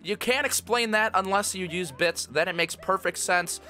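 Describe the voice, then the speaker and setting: A man's voice: high voice, moderate pace, pushed and bright, soft background music. A young man doing casual, jokey play-by-play commentary on a video game race. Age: young adult.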